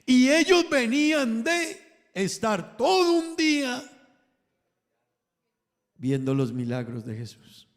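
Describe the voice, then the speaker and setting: A man preaching a sermon to his congregation, emphatic, rising loud and falling soft as he calls them brothers. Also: very high voice, very animated, slow, long pauses, in a large hall. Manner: emphatic, swells and drops in volume, addresses congregation as brothers.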